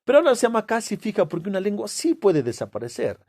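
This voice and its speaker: A man teaching a classroom lecture, asking rhetorical questions and answering them himself with emphatic, drawn-out stresses on key words. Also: sits high, wildly swooping pitch, a little mellow, no echo, studio quality. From Peru.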